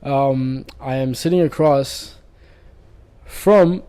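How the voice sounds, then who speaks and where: A man's voice: medium pitch, drawn-out words, dark tone, clean tone. A young man in his twenties hosting a casual podcast from a home living room, teasing and joking with his guest. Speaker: podcast host.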